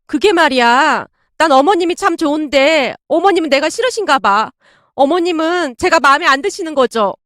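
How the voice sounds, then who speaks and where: A woman's voice: high voice, lively intonation, normal speed, a bit bright, no echo, clean studio sound. A woman voicing a scheming young wife who accuses her mother-in-law in whiny, polite speech. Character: scheming two-faced young wife, falsely tearful.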